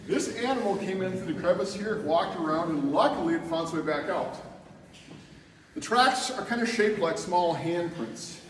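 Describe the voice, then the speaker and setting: Guy doing cave guide talk, lively pitch swings, far from the mic in a big echoey cave. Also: moderate pace. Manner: instructive, addressing a group as an echoing cave guide. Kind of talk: guided tour talk with questions to a group. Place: inside a cave, group around. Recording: echoey cave, distant mic, faint noise.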